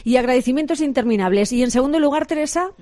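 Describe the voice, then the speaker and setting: A woman hosting a weekend radio show, lively with small hesitations. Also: high voice, fast talker, dry recording, faint music behind. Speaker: radio host.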